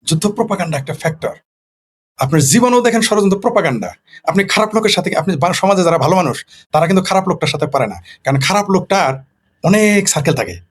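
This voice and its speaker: A man's voice: high-pitched, animated, quick pace, husky. A man from Bangladesh, a political commentator in a casual late-night monologue who poses rhetorical questions and answers them himself.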